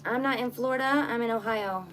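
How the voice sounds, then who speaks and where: A woman's voice: a little high, a little fast, fairly bright tone, a little hiss or hum. A young adult woman rambling frankly in a casual vlog at home, full of fillers and frustration. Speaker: vlogger.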